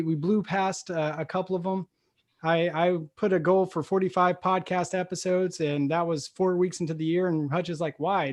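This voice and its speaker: A man's voice: a little high, darkish tone. Upbeat man hosting an investor meetup. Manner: upbeat, with frequent "uh" pauses. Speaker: meetup host.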